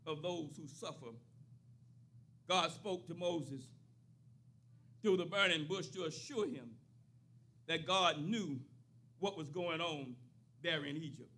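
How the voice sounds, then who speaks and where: Older man preaching, high bright voice. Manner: builds to rising, repeated preaching cadence. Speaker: pastor. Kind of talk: sermon. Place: church sanctuary, at a pulpit. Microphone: pulpit microphone on a stand.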